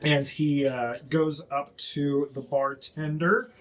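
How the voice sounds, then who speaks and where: A game master narrating a tabletop game, often pausing and restarting mid-sentence. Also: medium pitch, fairly even intonation. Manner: hesitant, many fillers and restarts.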